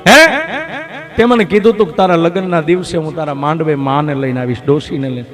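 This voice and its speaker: A tearful young bride, as a male storyteller voices her, asking tender, imploring questions. The voice stays close to the teller's own, a touch high, with plucked guitar playing underneath. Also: a little fast, a bit bright, lightly acted.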